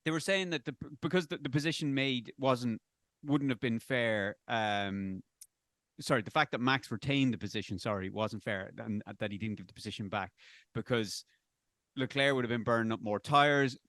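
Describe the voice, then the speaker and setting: A man's voice: mid-range voice, moderate pace, fairly bright tone, no echo, clean studio sound. A man on a racing review panel, talking casually in a rambling, self-correcting way and speaking bluntly with some swearing. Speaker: panel pundit. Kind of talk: casual race review chat.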